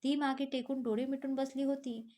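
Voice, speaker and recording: Woman storyteller, scripted narration, steady, fairly high-pitched. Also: moderate pace.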